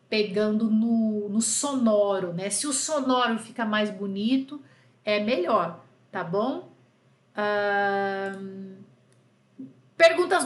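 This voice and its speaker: A woman's voice: fairly high pitch, fairly bright tone, reverberant. A woman from Brazil teaching French in a live online class, chatty and affectionate, often checking in with her students. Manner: chatty, affectionate diminutives, frequent "tá?" check-ins.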